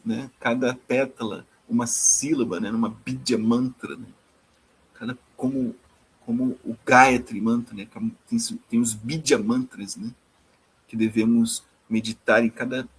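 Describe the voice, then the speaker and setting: Husky male teacher, devotional scripture talk, mid-pitched, repeats himself, ends phrases on "né?". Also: rough recording. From Brazil. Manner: tags nearly every phrase with a questioning "né?"; repeats and restarts words while searching for phrasing. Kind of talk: scripture reading and commentary.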